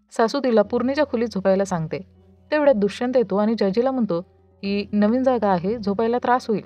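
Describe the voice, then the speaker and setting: Mellow-voiced woman narrating a recap. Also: mid-range voice, no echo. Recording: dull lo-fi voice-over with music.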